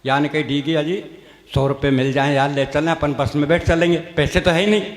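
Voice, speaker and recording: A man's voice: fairly high pitch, fairly even intonation, moderate pace. A man, telling rustic comic stories on stage and voicing every character in turn. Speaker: stand-up comedian. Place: stage at a comedy gathering. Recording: echoey hall, long reverb.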